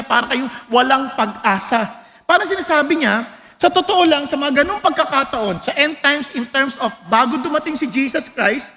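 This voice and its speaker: A man's voice: very high-pitched, pushed and bright. A man with a Filipino accent preaching a sermon, mixing Tagalog and English and joking with his congregation. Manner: switches between Tagalog and English, laughs and jokes with the congregation. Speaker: pastor. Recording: long hall reverb.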